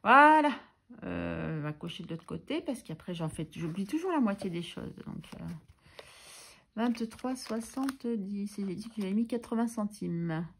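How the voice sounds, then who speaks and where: A woman's voice: medium pitch, lively intonation, moderate pace, vocal fry, background noise. A French woman vlogging about her budget, chatting casually and teasing herself while she works, a little under the weather. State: coughing, a bit ill. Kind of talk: casual chatty voice-over while doing crafts.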